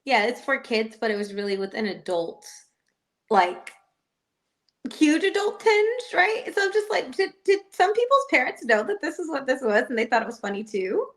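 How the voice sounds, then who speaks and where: Woman on a podcast, chatty and giggly, says like constantly, fairly high voice. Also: expressive, normal speed. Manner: chatty, laughs often, says "like" a lot. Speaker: podcast co-host. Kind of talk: casual chat.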